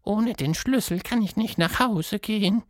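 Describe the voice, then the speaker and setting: A man voicing a small, playful tentacled fantasy creature in a children's story, with a squeaky high voice. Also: measured pace, no echo, studio quality. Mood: squeaky, pleading. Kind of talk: storybook narration.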